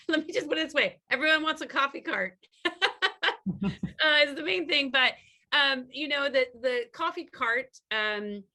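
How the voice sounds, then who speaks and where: Bright-voiced woman summarizing a group discussion. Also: on the high side. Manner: hesitant with many fillers and restarts. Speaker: breakout group presenter. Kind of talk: summarizing at a community meeting. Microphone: video call.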